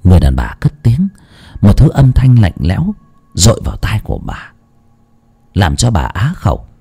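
A man narrating a horror story in a dramatic, expressive manner. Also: lowish voice, moderate pace, vocal fry, husky.

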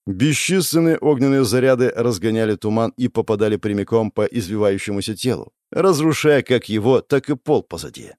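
A man narrating a fantasy action audiobook in first person, intense and dramatic, breaking into shouted exclamations. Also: on the low side, animated, brisk, few pauses, dry recording, clean studio sound.

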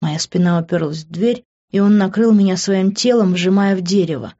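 A woman's voice: medium pitch, moderate pace, mellow, lo-fi sound. A woman reading a first-person novel aloud as an audiobook narrator, with emotional, intimate storytelling.

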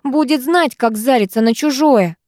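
A woman's voice: high-pitched, moderate pace, darkish tone, no room sound, voice pushed up, natural voice. A bossy teenage girl who sneers and snaps, as a woman reading puts her on. Her voice sits raised above the reader's own. The sound is close and dry. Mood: spiteful.

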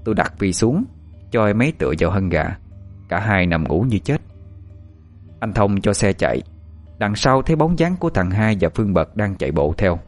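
A man narrating a first-person horror story in a steady, tense way. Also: on the low side, moderate pace, faint music behind.

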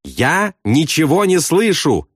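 A man putting on a plump, smug navigator, shouting up high with an easy, clueless good nature. The voice stays close and dry. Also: a little slow, dry recording. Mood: puzzled.

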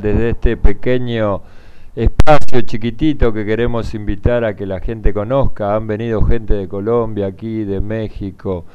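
A man hosting a community radio show, talking casually and haltingly with many fillers. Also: fairly low pitch. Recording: dull lo-fi radio sound, faint hiss.

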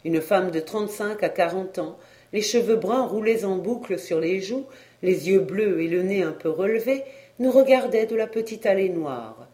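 Brief: steady audiobook narrator, measured classic storytelling, mid pitch. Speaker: audiobook reader. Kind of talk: scripted narration of a classic novel.

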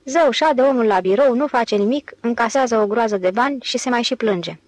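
A woman's voice: a little high, a little mellow, no echo, close to an everyday voice. Woman voicing a grumbling lazy office worker.

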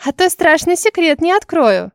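A woman voicing a cheerful, teasing young noblewoman with a bright, insistent and theatrical manner. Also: very high-pitched, very animated, moderate pace, dry recording, studio quality, voice pushed up, exaggerated voice. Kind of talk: audiobook character voice.

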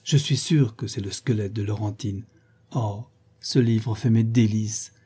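Brief: a man playing a wide-eyed teenage girl in a storybook, soft-spoken, dark husky tone. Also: lowish voice, steady tone, a little slow. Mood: earnest. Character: naive, earnest seventeen-year-old girl. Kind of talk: audiobook reading.

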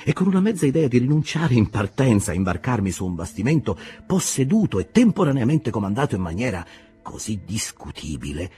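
A man narrating a classic novel as a scripted audiobook reading, telling it in an expressive, storytelling manner. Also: medium pitch, a little fast.

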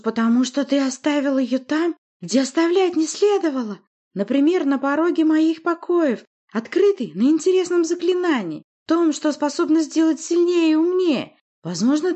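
A crazed young witch from an audiobook, her voice piercing and squealing, pitched very high and pushed loud. She shrieks orders and insults, wildly swinging up and down. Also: lively intonation, normal speed. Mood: shrieking, frenzied. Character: shrill mad young witch, screeching and cruel. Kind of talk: audiobook character voice.

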